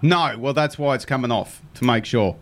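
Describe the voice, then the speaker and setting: A man's voice: mid-range voice, moderate pace. A man with a Queensland Australian accent hosting a radio show, chatting casually and chummily with callers. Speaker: radio fishing show host. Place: radio studio.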